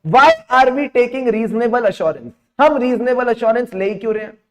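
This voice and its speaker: A young man teaching a live online exam revision class, energetic and repeating each line while mixing English terms into his Hindi. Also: extremely high pitch, unhurried.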